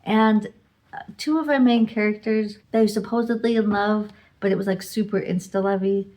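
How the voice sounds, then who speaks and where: A woman's voice: medium pitch, fairly even intonation, moderate pace, darkish tone. A woman casually reviewing the books she read this month in a rambling vlog, with lots of "like" and "you know". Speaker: book reviewer.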